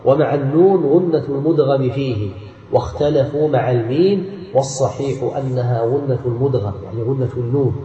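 Male sheikh from Algeria giving a classroom commentary: he reads a passage, then explains it deliberately. The recording is distant and roomy. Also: medium pitch, dark tone, lo-fi sound. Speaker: sheikh teaching Quran recitation rules.

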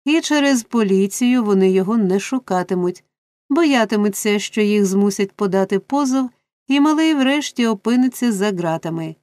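A woman voicing a brutal grown male robber who speaks gruffly and threatens. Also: mid-range voice, lively intonation, normal speed, darkish tone, dry recording, close to an everyday voice. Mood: scheming.

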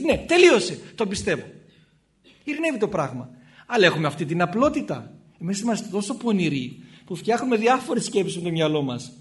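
A male Orthodox priest giving a spoken sermon in a conversational way, acting out short exchanges between people. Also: sits high. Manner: conversational, acts out little dialogues in shifting voices.

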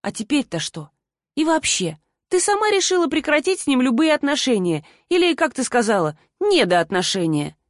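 A woman voicing a feisty, sharp-tongued young woman who fiercely defends her friend, in an audiobook. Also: high voice, big pitch swings, moderate pace, no room sound, studio quality, pitched above the performer's own voice. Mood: frank. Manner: bold, brash. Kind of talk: audiobook character voice.

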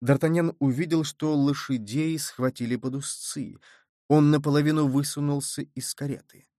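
Male audiobook narrator, steady and measured, dry close sound. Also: on the high side, no room sound. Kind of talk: scripted narration.

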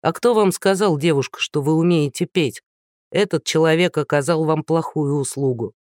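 A curt, contemptuous male producer in an audiobook, his voice dropping a little lower, as the narrator plays him. He sounds bored and dismissive, recorded dry and close. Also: normal speed, a little mellow, dry recording, close to an everyday voice. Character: rude, scornful middle-aged male producer.

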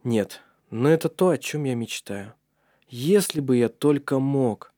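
An earnest young nobleman urges and reassures the woman he loves in a storybook reading, played by a man. He speaks at a mid pitch with urgency. The recording is close and dry. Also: lively intonation, a little slow, mellow, dry recording, close to an everyday voice.

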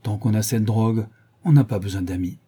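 A man's voice: lowish voice, a little fast, dark tone, slightly rough. A man voicing a listless, indifferent young man lost to drugs, speaking with sighs in an audiobook. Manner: sighing, indifferent.

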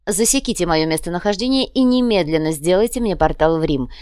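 A weary, composed commissar of a dark court, as a woman reads him, giving clipped orders in an audiobook. The voice sits low and steady. The sound is dry and close. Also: a little fast, clear, resonant tone, no echo, close to an everyday voice. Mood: calm.

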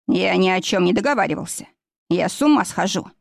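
A woman doing a calm, self-assured young man. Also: lowish voice, fairly quick, creaky, no room sound, clean studio sound. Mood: insistent. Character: confident young man, persistent suitor.

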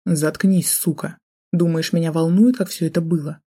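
A sneering, drunk and jealous man with a gun, as a woman reader puts him on, spitting mocking threats in a dark, husky voice. His tone is cold and menacing, the voice of an audiobook villain. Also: sits low, fairly even intonation, normal speed.

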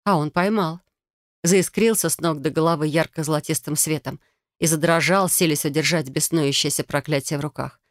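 A woman's voice: low-pitched, steady tone, normal speed, no echo, clean studio sound. Woman reading a fantasy audiobook. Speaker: audiobook reader. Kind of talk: first-person fantasy narration.

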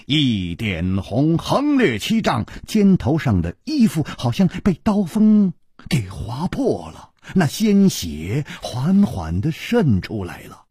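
Male storyteller, dramatic narration, husky voice, wild pitch swings, dry close studio sound. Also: wildly swooping pitch, slow pace, a little mellow, no echo. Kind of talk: radio storytelling of a martial arts novel.

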